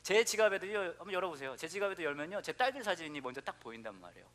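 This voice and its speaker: A man in his thirties preaching a sermon, telling stories with questions to the congregation, sometimes dropping to a soft, hushed tone. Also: high-pitched, racing. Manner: animated storytelling, asks the congregation questions; drops to soft, near-whispered prayer tone. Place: church hall.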